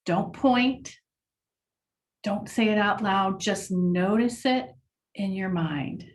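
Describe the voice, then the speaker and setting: A woman leading a children's mindfulness lesson, speaking gently and encouragingly to the class. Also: mid-range voice, takes it slowly, recorded from a distance.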